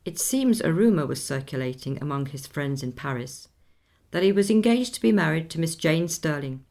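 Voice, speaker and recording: Miss Lind narrates a radio drama, calmly relating the final tour of a composer friend, her voice very low for a woman, slightly mellow, and marked by a creak at its edges. Though animated, she stays measured and sombre, speaking in articulate sentences like one carefully retelling a familiar history.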